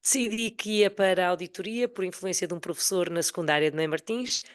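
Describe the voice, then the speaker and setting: A woman's voice: lowish voice, fairly quick. A woman in her forties with a European Portuguese accent and a cold-affected voice, telling her story as a guest in a casual interview. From Portugal, Sintra area near Lisbon. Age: 40s. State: voice affected by a cold, recovering from flu. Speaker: podcast guest, retired corporate finance executive.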